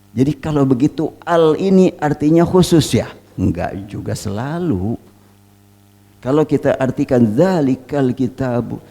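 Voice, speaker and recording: A man, an Islamic teacher, giving a Quran study lecture, emphatic and full of rhetorical questions, reciting Arabic phrases slowly. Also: medium pitch, vocal fry, warm tone.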